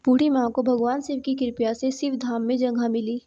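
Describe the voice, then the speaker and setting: High, flat-voiced woman telling a folk tale. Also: moderate pace, highs cut off. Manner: plain, steady storytelling with quoted dialogue. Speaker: storyteller. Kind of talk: devotional folk tale narration.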